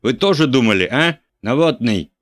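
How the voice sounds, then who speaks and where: A man's voice: lowish voice, moderate pace, sharp tone, dry recording. A man reading an audiobook, voicing an irate, domineering older bishop who bellows and scolds. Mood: furious. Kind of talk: audiobook character voice.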